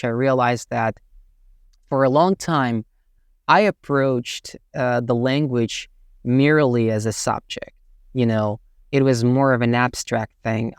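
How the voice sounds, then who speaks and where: This young man from Tatarstan hosts a channel where he teaches English, and here he reflects to camera on learning the language. He speaks with a Russian accent in a mid-range, clean voice, thoughtful and full of fillers like "you know" and "right." The recording is dry and studio quality.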